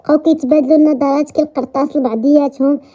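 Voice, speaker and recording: A woman with a Moroccan accent narrating a first-person romance story in a brisk, chatty way. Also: high voice, steady tone, warm tone. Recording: dull lo-fi recording.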